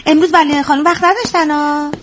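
A woman playing a fussing, high-voiced receptionist. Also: fairly even intonation, a little hiss or hum, natural voice. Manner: warm, fussing, polite. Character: fussing, kindly female clinic receptionist. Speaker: clinic receptionist.

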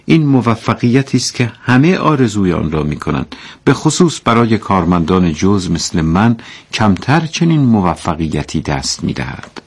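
A man's voice: fairly low pitch, big pitch swings, husky, heavily acted. A man voicing a cheerful, earnest clerk husband in a radio story reading. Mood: eager.

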